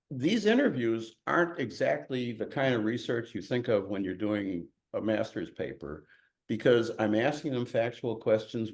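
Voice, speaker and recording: An older novelist from Chicago gives an informal talk to an audience in a lowish, darkish voice. He comes across as candid, self-deprecating and emphatic.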